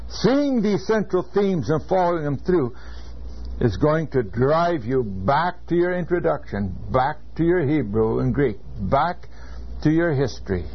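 A man's voice: on the high side, husky. Older man lecturing, dull lo-fi sound. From California. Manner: measured, earnest, anecdotal. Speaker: seminary professor. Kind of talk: classroom lecture with personal storytelling.

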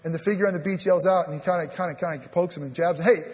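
In a church sanctuary, a high-pitched male pastor preaches a sermon very fast, swinging animatedly from loud emphasis down to a near whisper. He acts out scripture dialogue, leans heavily on "I mean," and his voice carries a long church-hall reverb.

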